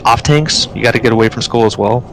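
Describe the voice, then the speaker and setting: Gravelly man leading a game raid. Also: mid-range voice, slight background noise, low-quality recording. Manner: explains calmly, then barks quick commands. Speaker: raid leader. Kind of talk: live game commentary.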